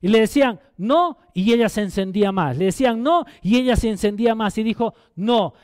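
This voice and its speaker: A man preaching a Sunday sermon in a notably high voice. The sound is dry and close, with no room echo. He keeps turning to the listeners with questions and drives points home by repeating his phrases. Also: fairly quick, darkish tone, clear, resonant tone. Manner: asks the congregation questions, repeats phrases for emphasis. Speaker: pastor.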